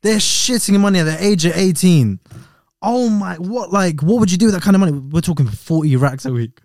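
A man's voice: sits high, expressive, a little fast, a little mellow, no room sound, clean studio sound. A man, hosting a casual chat in slangy, informal speech. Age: 20s. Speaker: podcast host.

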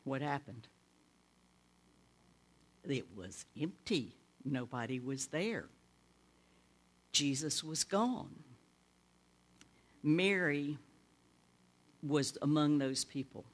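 A pastor preaching a sermon, retelling scripture in a deliberate storytelling manner. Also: mid-range voice, animated. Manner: slow, deliberate storytelling with acted-out quotes.

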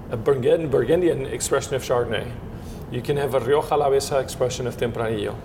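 Man, halting and descriptive. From Portugal. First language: Portuguese. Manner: searching for words with frequent restarts. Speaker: winemaker guest. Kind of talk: descriptive interview answers. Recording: steady noise and low rumble.

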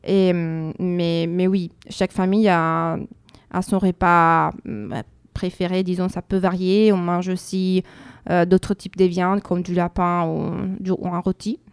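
Italian woman, smooth clear voice, dry sound, searches for words. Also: on the low side, little pitch movement, a little slow, no room sound. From Italy. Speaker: guest.

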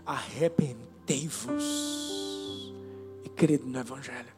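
Male pastor, high voice, emotive storytelling sermon; long hall reverb, music beneath. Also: normal speed. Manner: emotive storytelling preacher, swings between soft and loud. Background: musical instrument playing.

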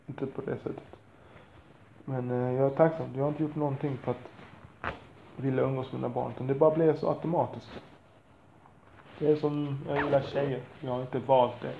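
A man's voice: mid-range voice, creaky, roomy sound, muffled recording, slight background noise. A man talking frankly about being a father, in a blunt, profane and rambling way with self-deprecating asides. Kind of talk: candid monologue.

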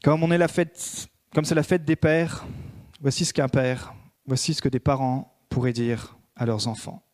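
A man preaching a sermon as a pastor, swinging between emphatic raised peaks and hushed prayerful passages. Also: mid-range voice, level tone, normal speed.

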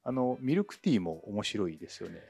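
A man hosting a Japanese-language podcast, interviewing a former student and calmly explaining background for learners. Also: on the low side, brisk, creaky, slightly rough, soft background music. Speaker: podcast host and Japanese teacher.

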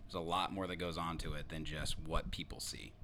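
A man's voice: rumbling low, brisk, a little hiss or hum. A young man from hosting a podcast in loose, casual chat, swearing freely as he tells stories. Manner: loose, swearing, animated storytelling. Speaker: podcast host and DJ.

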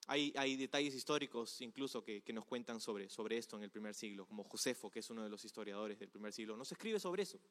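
A man's voice: lowish voice, lively intonation, fast, few pauses, a bit bright. A male pastor giving a conversational sermon, often asking the audience rhetorical questions. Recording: long hall reverb.

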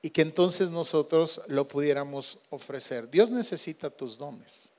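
A man preaching a sermon, swinging between loud emphatic lines and hushed, slowed words. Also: a little high. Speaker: pastor.

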